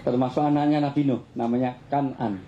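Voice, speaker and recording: A man's voice: medium pitch, fairly even intonation, brisk, mellow, dull audio. A man preaching in a joking, playful way, quizzing his listeners and playing with words. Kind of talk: humorous religious talk to a crowd. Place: outdoor gathering. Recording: noisy live event recording.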